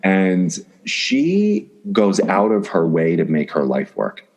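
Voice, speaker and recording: Man, very low pitch, effusive, lists words, casual podcast talk. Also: huge pitch swings, slow, a little mellow. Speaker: astrologer guest.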